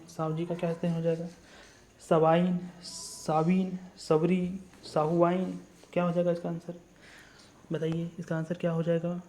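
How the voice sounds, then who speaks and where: A mellow-voiced man works through exam questions as a teacher. He thinks aloud, repeats each answer several times and keeps asking the class. A faint hiss sits under his voice. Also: a little high. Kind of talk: explaining a mock test.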